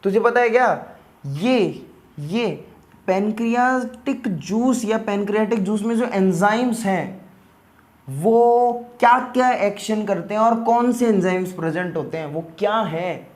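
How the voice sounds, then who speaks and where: A male teacher explains the material slowly in a relaxed, casual lecture. He speaks to the student like a buddy and keeps asking whether they follow. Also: high-pitched. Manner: familiar, addresses the student as a buddy, checks in with "yes or no".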